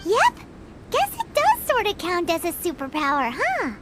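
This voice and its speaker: An actress voicing a chirpy, excitable tiny fairy companion who talks about herself in the third person, in a video game. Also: extremely high pitch, moderate pace, very noisy, exaggerated voice. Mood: excited. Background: game music.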